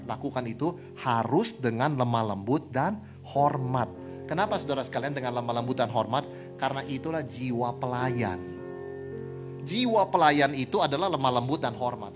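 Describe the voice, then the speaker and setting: A man preaching a sermon in an animated way, asking the congregation rhetorical questions. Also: mid-range voice. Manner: animated, rhetorical questions, mixes in English phrases. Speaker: pastor.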